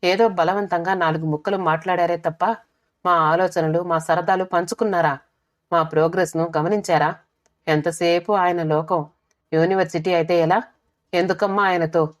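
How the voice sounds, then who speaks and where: A woman's voice: fairly low pitch, steady tone, moderate pace, natural voice. A woman voicing a resentful grown daughter who complains about her father. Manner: complaining, reproachful.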